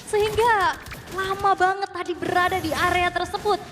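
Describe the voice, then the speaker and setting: A woman with an Indonesian accent commentating an esports match, explaining the play in an animated, conversational way. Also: very high voice, moderate pace, very noisy. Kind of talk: excited esports match analysis. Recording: loud music behind the voice. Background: loud music.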